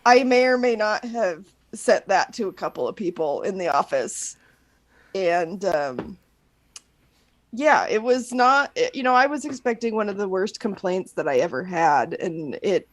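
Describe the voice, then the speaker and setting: A woman's voice: medium pitch, expressive, moderate pace. A woman co-hosting a casual podcast, explaining things in a wry tone. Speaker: podcast co-host. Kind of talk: casual chat.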